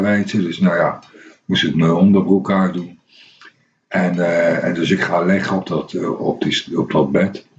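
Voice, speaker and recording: A middle-aged man chats casually as a radio host, drifting through a story with frequent hesitations. His voice sits a little low. The recording sounds dull and lo-fi with faint background noise. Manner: rambling storyteller, many hesitations and restarts. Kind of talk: casual anecdotal radio chat.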